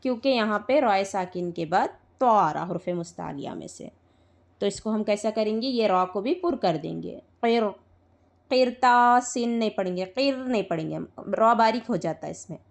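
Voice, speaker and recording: A woman teaching Quran recitation rules to students, patiently repeating points, spelling out letters slowly and checking often that they follow. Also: mid-range voice, lively intonation, gravelly. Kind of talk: live tajweed lesson to students.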